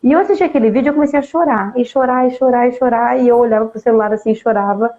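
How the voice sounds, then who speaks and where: Brazilian woman guest on a live stream, chatty storytelling, warm mellow voice, sound a bit dull. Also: a little high, rapid-fire. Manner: lively retelling, acting out dialogue. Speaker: interview guest. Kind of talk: casual personal storytelling.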